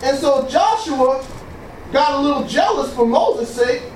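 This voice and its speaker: Booming, animated and a little slow, with a darkish tone, a pastor delivers a sermon in a church hall. He calls out praise to God and has the congregation repeat after him. With his mic off, the sound comes from far away, echoey and faintly noisy.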